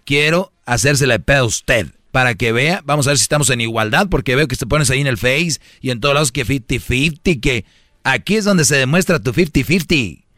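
A man's voice: mid-range voice, lively intonation, fairly quick, fairly bright tone, no echo, clean studio sound. A man with a Mexican accent, hosting an advice talk show for men and speaking in a brash, slangy, mocking way. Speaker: host giving relationship advice to men.

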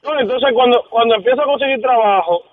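A man calling in to a radio show, telling an animated story and laughing as he talks. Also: very high-pitched, fast, a little hiss or hum. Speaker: caller. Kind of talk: casual call-in chat. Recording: tinny phone line.

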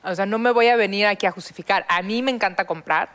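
A woman with a Mexican accent co-hosting a talk show, musing aloud in an expressive, animated way. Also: mid-range voice, quick pace. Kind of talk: casual chat.

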